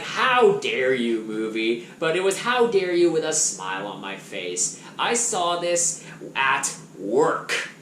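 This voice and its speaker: A man chatting casually and enthusiastically as he reviews movies from his collection on a vlog, his loudness swinging up and down. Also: on the high side. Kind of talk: casual chat. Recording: echoey room with background noise.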